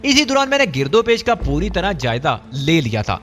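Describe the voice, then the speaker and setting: A man narrating a first-person thriller story as an audiobook, in a lively, dramatic storytelling manner. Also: fairly high pitch, faint music behind.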